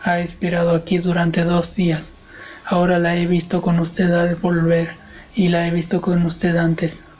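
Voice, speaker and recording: A man's voice: high voice, completely flat delivery, lo-fi sound, a little hiss or hum. A man murmuring as a grave old housekeeper woman. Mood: hushed. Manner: slow, hushed, murmuring delivery.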